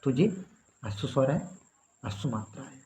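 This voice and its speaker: Speaking at a normal pace in a warm, animated mid-range voice, this man leads a grammar lesson. He breaks each point down step by step and keeps asking whether his students are following; the audio is a bit dull, with faint noise behind him.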